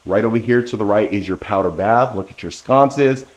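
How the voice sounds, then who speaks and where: A man's voice: fairly low pitch, normal speed, highs cut off. Enthusiastic man giving a house tour. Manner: enthusiastic, salesy, addresses viewer directly. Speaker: home tour host. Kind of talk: walkthrough house tour narration. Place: indoors, new model home.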